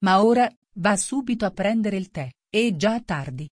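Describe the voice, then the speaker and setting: A woman's voice: medium pitch, expressive, normal speed, no echo, studio quality, close to an everyday voice. A woman reading the part of a tender, affectionate older sister in a storybook.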